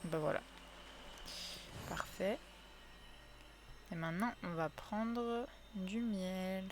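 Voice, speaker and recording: A woman's voice: mid-range voice, very slow, noisy background. A woman giving casual, chatty commentary while streaming a cozy game, talking to her viewers, counting items aloud and crying out when things go wrong. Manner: chatty, talks to viewers, counts aloud, bursts into cries of frustration.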